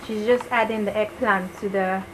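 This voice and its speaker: Cooking in a small home kitchen, a young woman narrates her casual vlog to camera, explaining every step in a chatty, enthusiastic way. Her voice is medium-pitched, with a steady tone and moderate pace. The camera-mic recording is low quality, with kitchen noise and cooking ambience clearly audible.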